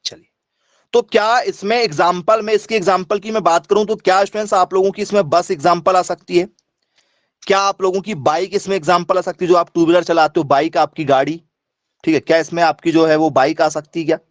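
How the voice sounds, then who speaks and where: A man's voice: high-pitched, steady tone, brisk, no echo. A male teacher giving an online class lecture. He repeats his points and keeps quizzing students, asking them for yes or no replies.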